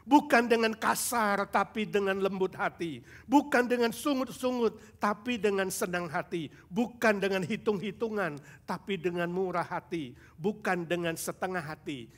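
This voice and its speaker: A male pastor preaching a sermon in an animated style, moving between quiet asides and raised, emphatic exhortation. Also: sits high, unhurried. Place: church service recorded for online broadcast.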